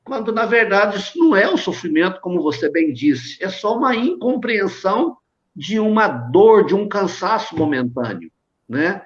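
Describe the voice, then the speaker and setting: A man's voice: high-pitched, big pitch swings, moderate pace, muffled recording. A man with a Brazilian Portuguese accent, thoughtfully explaining a book passage to a study group. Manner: thoughtful, reads passages aloud.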